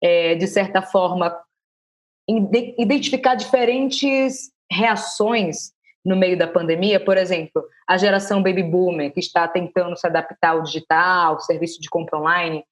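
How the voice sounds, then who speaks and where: A woman's voice: lowish voice, fairly even intonation, moderate pace. A woman in her twenties from Salvador, Brazil, hosting a podcast interview with enthusiasm and thinking aloud as she asks questions. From Salvador, Bahia, Brazil. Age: 20s. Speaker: podcast host.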